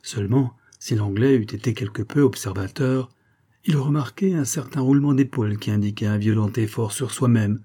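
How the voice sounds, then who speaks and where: A man reading a classic novel aloud as an audiobook, in steady, measured narration. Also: medium pitch. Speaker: audiobook reader. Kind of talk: scripted narration.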